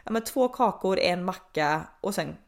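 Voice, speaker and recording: A woman's voice: fairly low pitch, lively intonation. A woman hosting a casual chat, talking in a chatty way with many fillers and restarts and frequent laughs. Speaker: podcast host asking questions.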